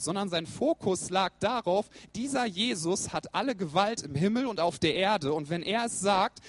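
A man's voice: sits high, a little hiss or hum. A man preaching a sermon, who tells funny stories and speaks straight to his listeners with questions. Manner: humorous storyteller. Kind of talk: sermon with personal anecdote.

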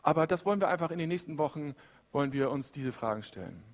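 A man preaching a sermon in a lively, conversational way, acting out the doubting thoughts of his listeners. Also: a little high, fast talker, big-room sound. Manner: lively, acts out quoted inner voices.

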